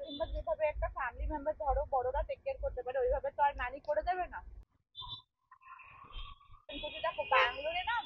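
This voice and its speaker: Chatty high-voiced woman vlogging from traffic. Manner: chatty, rambling with many fillers. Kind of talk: casual vlog chat. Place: in a vehicle stuck in traffic. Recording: muffled with loud traffic noise.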